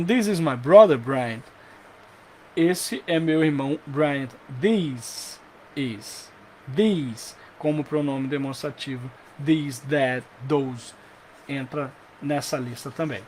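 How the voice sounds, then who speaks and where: A young Brazilian man teaching an English lesson, lively and repeating example phrases slowly. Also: fairly high pitch, slight background noise. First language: Portuguese.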